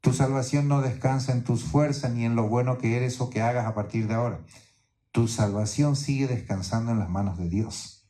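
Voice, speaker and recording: Male pastor giving a sermon, mellow dark voice, keeps asking the room "right?". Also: mid-range voice, normal speed. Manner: teaching tone, keeps asking "¿no es cierto?". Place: church in New York.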